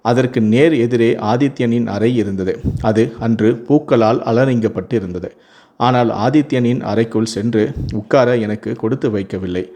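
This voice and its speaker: A man reading a first-person storybook tale in a steady, even narrating voice. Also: mid-range voice, moderate pace.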